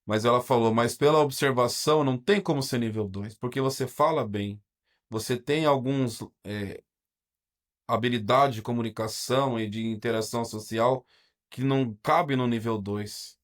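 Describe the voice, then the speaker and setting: A Brazilian man with a Brazilian Portuguese accent, a guest in an interview, telling his own story in a candid, reflective way, hesitating and restarting often. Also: mid-range voice. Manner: halting, hesitant, frequent restarts and pauses. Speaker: podcast guest, teacher.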